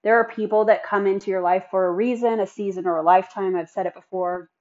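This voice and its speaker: A young woman hosts a solo podcast, talking to her listeners in a chatty, upbeat way. Her voice sits at an ordinary pitch, and the recording sounds slightly dull and lo-fi. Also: fairly even intonation, fast, darkish tone. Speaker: podcast host.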